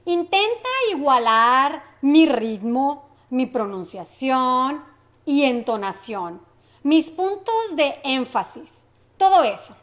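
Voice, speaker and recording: A woman teaching Spanish pronunciation on a podcast, modeling phrases slowly and carefully and checking in with the listener. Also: high-pitched, sing-song, a bit bright.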